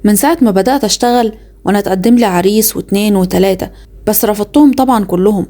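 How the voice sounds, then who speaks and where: A woman's voice: mid-range voice, very fast, warm tone. A young woman with an Egyptian accent narrating a first-person story in a confiding, dramatic inner-monologue manner. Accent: Egyptian Arabic.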